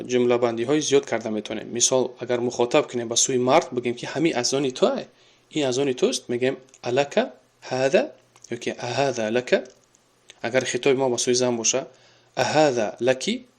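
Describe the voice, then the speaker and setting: A man's voice: mid-range voice, a little mellow. Man teaching an Arabic lesson. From Tajikistan. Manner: reads example sentences slowly, then explains them with fillers. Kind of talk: recorded language lesson.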